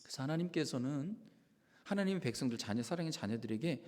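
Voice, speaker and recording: A Korean pastor preaching a Sunday sermon, lively and expressive, acting out quoted voices and sometimes dropping to a whisper. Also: male voice, mid-range voice, fast talker. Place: church sanctuary. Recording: long hall reverb of a church sanctuary.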